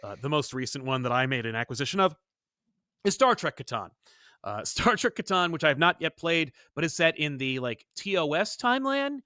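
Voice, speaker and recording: A man co-hosting a pop culture podcast, talking in a casual, playful and animated way. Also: fairly high pitch, a little fast, no echo, studio quality. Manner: animated, playful, puts on silly voices in quotes. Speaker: podcast co-host. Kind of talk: casual chat.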